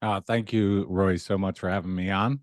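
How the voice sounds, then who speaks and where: Middle-aged man, Dublin Irish accent, lowish pitch, dry sound, casual interview storytelling, rambling and conversational. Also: steady tone, moderate pace, dry recording. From Dublin, Ireland. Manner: rambling, conversational, often asks "right?". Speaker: podcast guest, relationship therapist.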